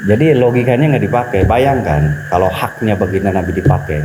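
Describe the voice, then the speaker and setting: A man talking as a spiritual teacher on a podcast, animated and preachy, repeating key phrases for emphasis. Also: lowish voice, a little fast, background noise. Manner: acts out quoted voices. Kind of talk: podcast religious talk.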